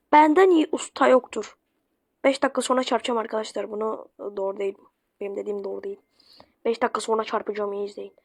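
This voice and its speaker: A woman's voice: on the high side, no echo. A woman giving chatty let's-play commentary to her viewers, swearing when flustered. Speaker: gaming YouTuber. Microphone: phone screen recording.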